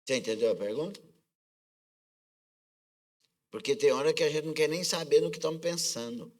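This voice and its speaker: A man with a Brazilian accent and a fairly high, expressive voice preaches rapid-fire as pastor at a church service. He keeps putting questions to the congregation and calling on them to respond.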